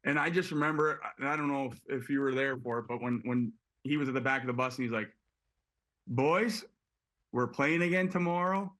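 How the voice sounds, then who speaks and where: A man's voice: medium pitch, level tone, a bit bright. Man chatting over a video call. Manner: halting, many restarts, laughs easily. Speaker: guest, hockey player. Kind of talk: casual chat.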